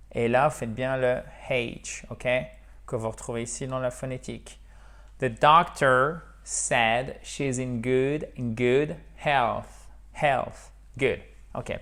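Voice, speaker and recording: A man giving a video English lesson in French, explaining verbs and slowly modelling English example sentences. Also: mid-range voice. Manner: addresses viewers as dear friends. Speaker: English teacher.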